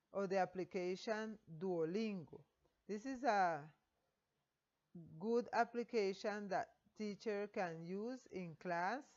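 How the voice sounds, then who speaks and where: Slow, halting Colombian woman reading English. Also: medium pitch, a little mellow. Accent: Colombian Spanish. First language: Spanish. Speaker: student teacher. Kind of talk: read-aloud teaching reflection. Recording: dull lo-fi recording.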